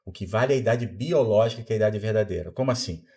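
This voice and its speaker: With a fairly low, dark voice and a very fast delivery, a Brazilian physician in his 50s explains things during a podcast interview. His style is didactic: he raises rhetorical questions and supplies the answers himself.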